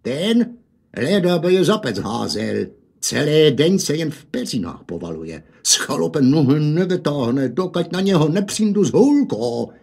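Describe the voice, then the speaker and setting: A man voicing a gruff, irritable farmer father with a Hanák dialect, loud and scolding. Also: fairly high pitch, big pitch swings, full character voice. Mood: angry scolding.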